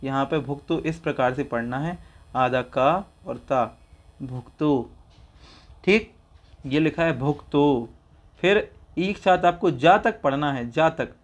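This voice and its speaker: A man leads a slow, careful recitation lesson, sounding out every syllable and repeating each word again and again. His voice sits a little high for a man, and he takes his time between phrases. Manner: patient, repeats each word several times. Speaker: teacher of a Jain scripture.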